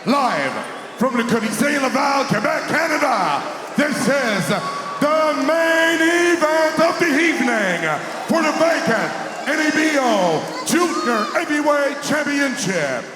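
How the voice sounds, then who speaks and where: A male ring announcer delivers formal, booming arena introductions in a very high, projected voice. He draws words out slowly, and the sound rings through a large reverberant hall. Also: big pitch swings. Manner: switches between French and English. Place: large indoor boxing arena. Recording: echoey arena PA with loud crowd. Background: crowd noise.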